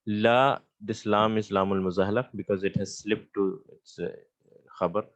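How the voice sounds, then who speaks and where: Low-voiced man teaching Arabic grammar. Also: fairly even intonation, normal speed. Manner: explains step by step with frequent fillers and restarts, recites Arabic phrases. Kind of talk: classroom grammar lesson.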